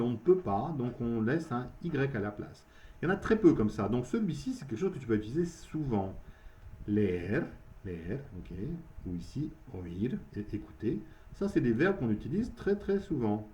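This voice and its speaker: Man teaching Spanish, lively patient explainer. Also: medium pitch. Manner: explains in French, models Spanish slowly, checks with "ok?". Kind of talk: beginner grammar lesson.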